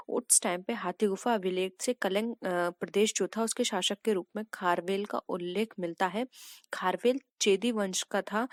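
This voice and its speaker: A woman's voice: mid-range voice, no echo, clean studio sound. A woman teacher working through exam practice questions, reading out each set of options and then patiently explaining the right answer.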